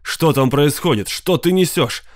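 A man's voice: a little high, lively intonation, measured pace, no echo, clean studio sound, voice pushed up. A man voicing an irritable, self-important husband who makes indignant demands in an audiobook. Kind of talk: audiobook character voice.

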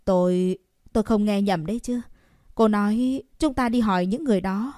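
A woman voicing a nervous young woman who protests loudly. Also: medium pitch, normal speed, no echo, clean studio sound, close to an everyday voice. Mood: upset. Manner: nervous, then indignant protest. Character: timid but fiery young woman.

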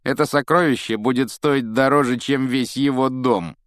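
A man voicing an arrogant schoolboy bully who taunts and mocks loudly, in an audiobook. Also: medium pitch, fairly even intonation, moderate pace, no echo, studio quality, pitched above the performer's own voice, natural voice. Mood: sneering. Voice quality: sneering, taunting. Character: sneering arrogant schoolboy bully, loud and mocking. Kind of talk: audiobook character voice.

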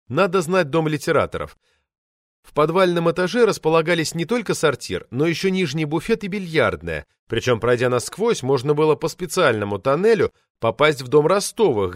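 A man's voice: a little high, no room sound. A man narrating a novel in the first person, with an ironic, storytelling manner on a close studio mic. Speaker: audiobook narrator.

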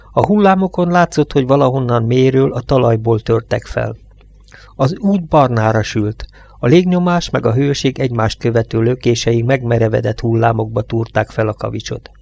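A man narrating an audiobook in a measured, even storytelling manner. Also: mid-range voice. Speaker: audiobook reader.

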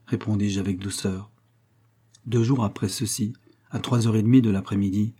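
Low dark-voiced man reading a story. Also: slightly rough. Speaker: audiobook reader. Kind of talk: scripted narration of a classic story.

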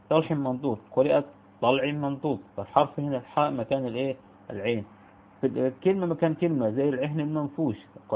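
A man with an Egyptian Arabic accent giving a spoken religious lesson. He talks in a halting way, with many restarts, and asks and answers his own questions. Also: medium pitch. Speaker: Islamic studies teacher. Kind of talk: spoken lecture. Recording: phone-like narrow band.

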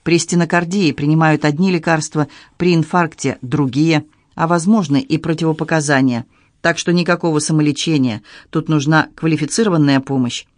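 A man's voice: on the high side, steady tone, normal speed, no room sound, studio quality, natural voice. A man reading an audiobook, voicing a blunt, sarcastic young woman with a mocking, cutting manner. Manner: mocking, cutting, coldly matter-of-fact.

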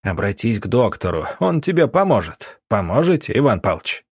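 A man voicing a cold, mocking male swindler who taunts his captors in a husky voice. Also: on the low side, very animated, brisk, darkish tone, no room sound, clean studio sound, exaggerated voice. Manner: sneering, taunting.

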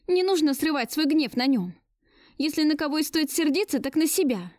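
A woman voicing a distraught young woman who confronts her lover in shrill, near hysterical outbursts. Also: animated, fairly quick, a little mellow, no echo, clean studio sound. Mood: furious.

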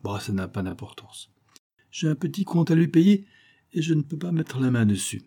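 A shrewd detective who teases and keeps his plans to himself, read by a man. The voice is husky and dark in an audiobook reading. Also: fairly high pitch, sing-song, moderate pace, pitched above the performer's own voice, heavily acted. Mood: probing. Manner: sly, teasing. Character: shrewd playful male detective.

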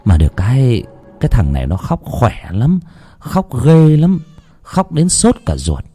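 A man's voice: mid-range voice, huge pitch swings, unhurried, mellow, husky, soft background music. A man who chats casually with listeners and then reads a horror story aloud in a grave, dramatic voice. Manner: chatty and joking in the intro, grave when reading.

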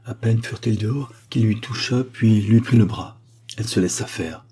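A man reads literary fiction aloud at a measured, expressive pace. His voice is low and dark, with a husky, breathy texture. He sounds like an audiobook narrator carrying a quiet story.

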